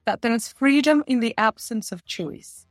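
A woman in her forties, from Russia, answering interview questions in a confident, measured way with light laughs. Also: fairly high pitch, expressive, dry recording, faint music behind. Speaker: guest, tech company founder.

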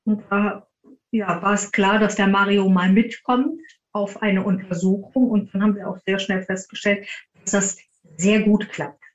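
A team founder, guesting on a podcast, takes interview questions conversationally in a medium-pitched, steady voice at normal speed. The sound is roomy, slightly muffled, and a bit dull.

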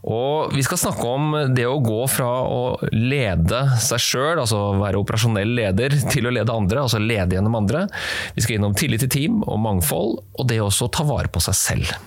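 A man's voice: mid-range voice, no echo. A man hosting a podcast, introducing guests and asking questions conversationally. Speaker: podcast host.

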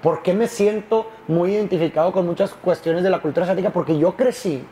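A man's voice: sits high, brisk, warm tone, slight background noise. A man in a casual chat who talks in an agreeable, affirming way with fillers.

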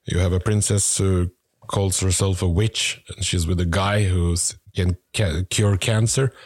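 Man, lowish voice, dry close sound, hesitant, understated, casual podcast talk. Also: fairly even intonation, measured pace, darkish tone, slightly rough, no room sound. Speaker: podcast co-host. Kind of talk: casual chat.

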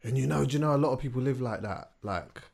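A young man, co-hosting a podcast in casual chat, telling animated stories and dropping to quiet asides. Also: mid-range voice, quick pace, gravelly. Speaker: podcast co-host.

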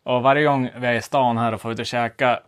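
A man in his thirties telling a long anecdote in a rambling, profane, animated way on a wireless studio mic. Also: mid-range voice, clear, resonant tone, no room sound. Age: 30s. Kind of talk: casual storytelling.

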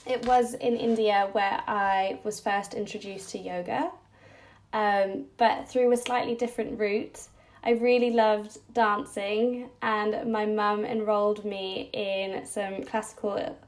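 A woman, a podcast guest recalling her childhood in a reflective, hesitant way with many fillers. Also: medium pitch. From Singapore-born, raised abroad. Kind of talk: personal storytelling interview.

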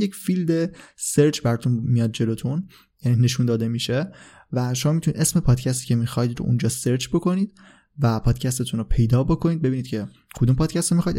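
In a relaxed explanatory monologue, a male podcast host works through ideas without a script, stopping on filler words and fixing what he says mid-stream. He has a warm, mellow tone at a typical middle pitch.

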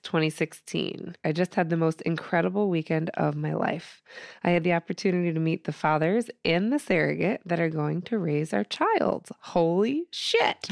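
A woman's voice: lowish voice, vocal fry, dry recording, clean studio sound. A woman guest on a podcast, reading from her journal and talking in an earnest, emotional way with many fillers.

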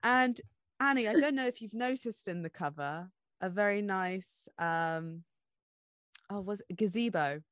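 A woman co-hosts a podcast, chatting casually about books in an unhurried, mid-range voice with a slightly bright tone. The sound is clean studio audio with no echo.

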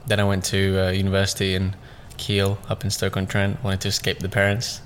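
A Russian-born guest who grew up in southeast London, now a business owner in his 20s, chats on a podcast in a brisk monotone. His slightly low voice wanders loosely through fillers and "like"s, with slight background noise underneath.

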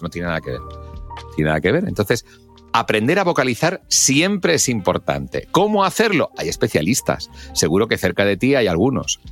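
A man who is a radio broadcaster, giving casual advice on a podcast and acting out examples as he talks. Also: mid-range voice. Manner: lively, animated speaker, acts out examples, bursts into shouted goal calls. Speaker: guest mentor and radio broadcaster.

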